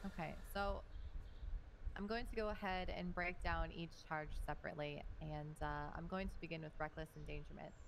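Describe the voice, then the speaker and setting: A woman playing a judge, formally reading charges in a measured, official manner. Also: sits low, fairly even intonation, creaky, slight background noise. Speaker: judge in roleplay court.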